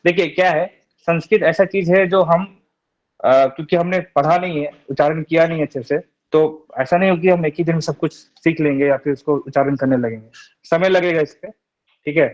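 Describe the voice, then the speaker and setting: A man's voice: fairly high pitch, steady tone. A young man teaching a Sanskrit class online, patiently sounding out syllables one by one and checking in with his students. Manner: reassuring, repeats syllables slowly, often asks "theek hai?". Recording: dull lo-fi online class audio.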